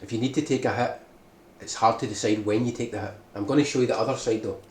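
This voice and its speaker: A man talking through a speedrun tutorial in a mid-range voice, explaining each step and checking in with "right?". The sound is roomy and echoey, with a steady hiss of noise underneath. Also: mid-range voice, fast talker. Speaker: speedrun guide maker. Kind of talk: game tutorial commentary. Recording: echoey room with background noise.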